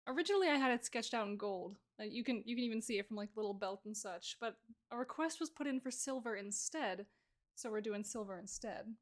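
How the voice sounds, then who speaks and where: A woman's voice: fairly high pitch, animated, fairly quick. Playful woman streamer chatting while drawing. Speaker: art streamer. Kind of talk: casual chat while drawing.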